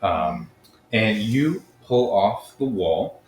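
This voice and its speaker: Relaxed game master in an echoey room. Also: male voice, on the low side, extremely slow, slight background noise. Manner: relaxed descriptive narration with filler ums. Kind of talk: narrating a tabletop game. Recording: echoey room with faint music.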